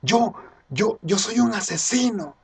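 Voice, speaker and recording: A man acting out a desperate, distraught man who shouts and pleads. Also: high-pitched, expressive, measured pace, husky, pitched above the performer's own voice, heavily acted.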